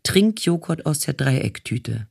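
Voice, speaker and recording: A man reading a novel aloud in calm, even scripted narration. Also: a little high, takes it slowly, gravelly, husky, no room sound, clean studio sound. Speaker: audiobook reader.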